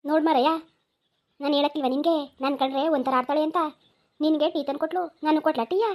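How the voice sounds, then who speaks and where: A woman's voice: high voice, fairly even intonation, fast, darkish tone, lightly acted. A woman doing a nagging village mother-in-law. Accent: rural Mysore-region Kannada. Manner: nagging, insistent, repetitive.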